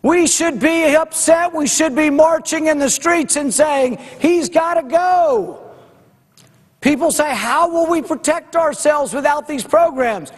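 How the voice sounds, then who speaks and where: A man gives a fiery, impassioned speech full of rhetorical questions. His voice is unusually high for a man, and it rings out with a long echo in a hall. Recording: echoey hall recording.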